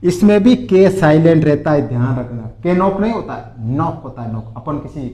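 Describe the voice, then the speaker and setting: Male tutor, lively and a bit high, drills words one by one, echoey room. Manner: repeats words slowly for drilling. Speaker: English teacher. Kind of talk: spoken vocabulary lesson.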